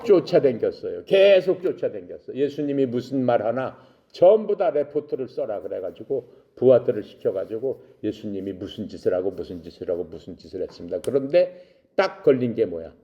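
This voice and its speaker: A man's voice: medium pitch, sing-song, brisk, muffled recording. A man telling a Bible story to young people, asking questions and answering them himself. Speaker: Bible teacher for youth.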